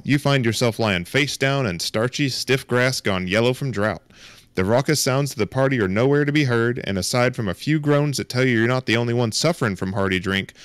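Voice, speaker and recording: A man doing a folksy mountain storyteller with a put-on Southern drawl, pitched well above his usual voice. The reading is loud and declaiming. It is scripted tabletop narration delivered aloud. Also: no room sound, lightly acted. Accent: put-on American Southern.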